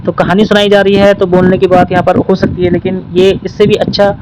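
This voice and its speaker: High-voiced man teaching an exam-prep lesson. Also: flat delivery, heavy background noise. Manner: explains patiently, repeats key points.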